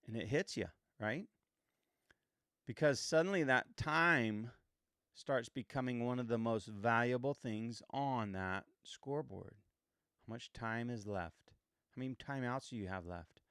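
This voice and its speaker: A man's voice: medium pitch, fairly bright tone, smooth, no room sound. Earnest man in his fifties, dry sound. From United States. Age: 50s. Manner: earnest, repetitive, emphatic rhetorical questions. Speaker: podcast host. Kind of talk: reflective motivational monologue.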